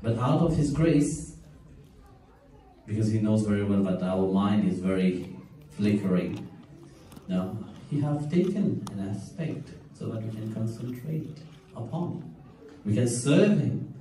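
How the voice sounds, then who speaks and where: A middle-aged man giving a spiritual discourse as a serene guru, in short phrases with long pauses. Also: fairly low pitch, animated, mellow, slight background noise. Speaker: spiritual teacher. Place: large indoor temple hall, recorded from the audience. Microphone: distant camera among seated listeners. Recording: echoey hall, distant audience camera.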